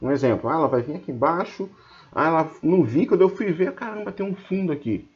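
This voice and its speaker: With a slightly high voice, lively intonation and a fast pace, a Brazilian Portuguese-accented trading instructor gives a relaxed screen-share lesson. He talks colloquially, teasing and scolding his audience, and the recording's highs are cut off.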